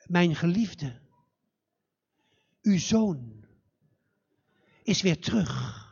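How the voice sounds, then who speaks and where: Guy doing a gentle princess, soft and reassuring, breathy and high. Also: sing-song, extremely slow, lo-fi sound, full character voice. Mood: tender.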